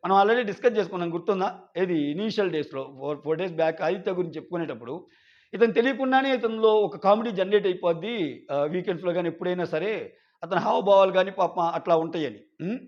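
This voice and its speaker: A man giving a casual recap of a reality show episode, retelling scenes and acting out what the contestants said. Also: high-pitched. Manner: retells scenes, quoting contestants in quick acted snippets. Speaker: show reviewer. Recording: dull lo-fi audio.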